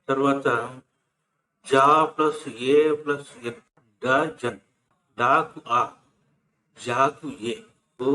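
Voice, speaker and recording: Slow, deliberate male English teacher. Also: medium pitch. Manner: slow, breaks words into sounds and repeats them. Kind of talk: syllable-by-syllable pronunciation lesson. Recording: echoey room.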